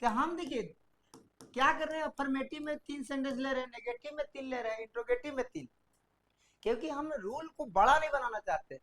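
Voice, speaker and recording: A woman teaching English grammar in a video lesson, drilling students to repeat rules aloud and dictating sentence structures slowly, word by word. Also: high voice, a bit bright. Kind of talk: classroom-style video lesson.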